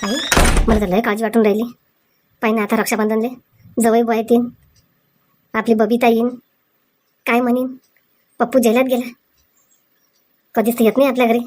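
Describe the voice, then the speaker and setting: A woman acting in a comic village sketch, talking briskly and scolding. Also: a little high, flat delivery, darkish tone.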